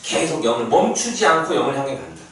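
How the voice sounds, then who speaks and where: A man teaches a math lesson to a class in a lively manner, frequently asking check-in questions to make sure students follow. His voice is medium-pitched and fast, heard from far off in an echoey classroom with faint noise.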